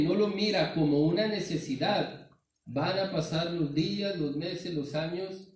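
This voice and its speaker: A man's voice: on the high side, distant mic, a little hiss or hum. A man with a northern Mexican accent preaching a sermon in a church, earnest and constantly calling his listeners "hermano.". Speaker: pastor. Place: large church sanctuary. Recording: very echoey hall, voice from afar.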